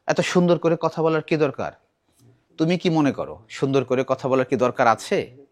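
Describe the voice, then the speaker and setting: A middle-aged man teaching a children's recitation class, animated and asking the class many questions. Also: on the high side, normal speed.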